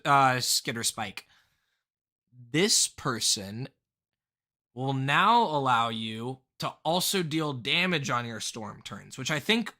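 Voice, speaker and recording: A man casually talking through viewer-submitted card decks on a live stream, rambling and excitable, with plenty of fillers and restarts. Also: mid-range voice. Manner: rambling and excitable, full of fillers and self-corrections.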